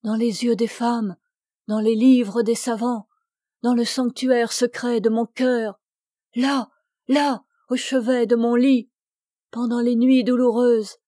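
Woman reads dying young man, anguished and pleading, slow and warm, dry close sound. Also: fairly high pitch, flat delivery, dry recording. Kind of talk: audiobook reading.

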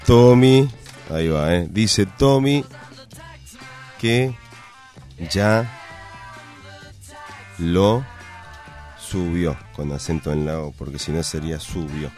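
A man's voice: sits low, expressive, slow, long pauses, darkish tone, faint music behind. A man with an Argentine Rioplatense accent hosting a radio show, chatting casually and joking with his producer. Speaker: radio host. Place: radio studio.

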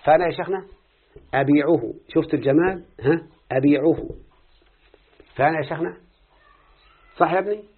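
Over lo-fi, phone-like audio, a man with an Egyptian accent teaches a lesson on Arabic morphology, constantly quizzing his student. His voice is on the high side and slightly rough, and he talks quickly but pauses often.

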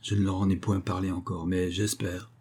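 A man's voice: sits low, level tone, normal speed, warm tone, breathy edge. Man voicing an earnest young nobleman. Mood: calm. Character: young male nobleman, earnest and calm lover.

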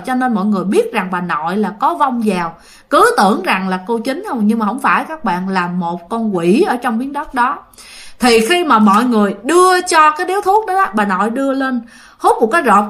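A woman's voice: a little high, a bit bright. A woman with a Southern Vietnamese accent casually telling a ghost story, chatting directly to her listeners.

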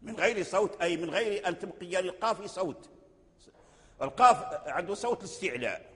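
A man teaching Quran recitation in a lecture, slowly chanting verses and lines of poetry and repeating phrases while he explains. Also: high voice, expressive, big-room sound. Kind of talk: religious lecture.

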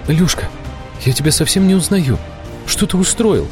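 A man's voice: on the high side, animated, moderate pace, faint music behind, pitched above the performer's own voice, lightly acted. A man voicing a young female student who scolds her friend, angry yet caring, in an audiobook reading. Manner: scolding, worried, raised voice. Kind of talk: audiobook character voice.

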